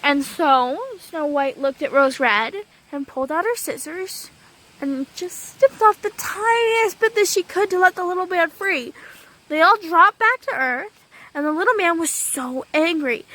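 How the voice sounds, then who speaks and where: A woman telling a fairy tale in a lively, unscripted way, with small slips and repetitions. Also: very high voice, unhurried, rough recording. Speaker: storyteller. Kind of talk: casual storytelling.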